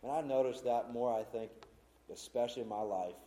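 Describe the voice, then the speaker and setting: A man preaching a sermon in a mellow, darker voice. He retells the scripture story earnestly and conversationally. The room around him is echoey. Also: medium pitch, fairly quick. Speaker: pastor.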